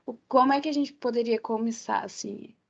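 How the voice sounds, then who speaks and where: A woman's voice: a little high, brisk, gravelly. Brazilian woman moderator on a call. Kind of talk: reading chat comments in an online meeting. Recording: dull lo-fi call audio.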